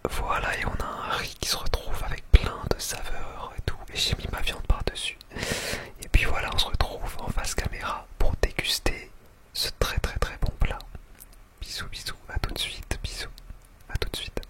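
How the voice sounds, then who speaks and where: A man whispering very close, right in the ear, as he narrates a food ASMR video, often repeating words and phrases for emphasis. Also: moderate pace.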